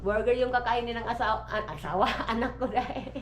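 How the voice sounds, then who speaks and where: A woman's voice: fairly high pitch, steady tone, fairly quick, slight background noise. A Filipino mother with a Visayan accent, chatting casually on a home vlog and cooing to her baby. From Philippines. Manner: chatty, mixes languages, coos at the baby. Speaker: vlogger and mother. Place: family home indoors.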